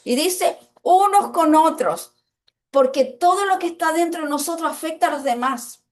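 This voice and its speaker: A woman preaching a sermon in a church, slowing down to stress scripture and putting questions to the congregation. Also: a little high.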